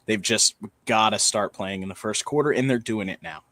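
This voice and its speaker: A man's voice: lowish voice, normal speed, a bit bright, no echo. A man co-hosting a casual college football talk show, steadily laying out playoff scenarios point by point. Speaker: sports podcast co-host.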